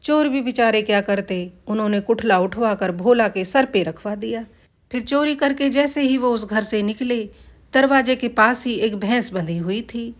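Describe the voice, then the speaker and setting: A woman narrating a scripted folk tale, voicing the characters with small shifts in her delivery. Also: mid-range voice. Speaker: storyteller.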